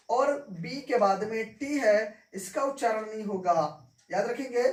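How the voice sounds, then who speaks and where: A woman's voice: fairly high pitch, a little mellow. A woman teaching an English lesson, repeating each point and checking that her students follow. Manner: repeats points, asks "clear?" often. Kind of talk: classroom-style lesson. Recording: echoey room, mic far off.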